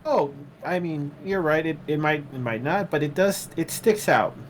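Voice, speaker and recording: A man playing a private detective in a tabletop game, asking questions haltingly with many restarts and fillers. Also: fairly high pitch, expressive, soft background music. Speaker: player. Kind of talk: in-character tabletop role-play as a detective.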